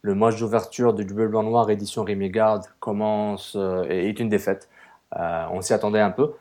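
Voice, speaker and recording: A man with a low voice and a Québécois French accent hosts a casual sports podcast. He talks in a lively, joking way and pauses often on fillers. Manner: lively, jokey, many hesitations. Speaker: podcast co-host.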